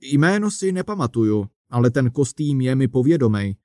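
A man's voice: mid-range voice, sing-song, warm tone, no room sound, studio quality, lightly acted. A man reading the part of a gray-haired old man, pleased with his own guess. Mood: triumphant. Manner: pleased with himself.

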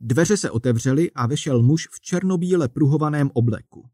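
A man's voice: a little high, warm tone, no echo. Man reading a wry story, dry sound. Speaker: narrator. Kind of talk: reading a humorous story aloud.

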